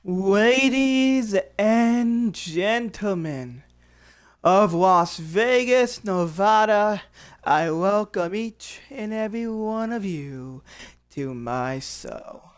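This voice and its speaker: A performer playing a cocky male wrestling company owner, cutting a boastful in-character promo with drawn-out dramatic pauses. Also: mid-range voice, expressive, clear, resonant tone.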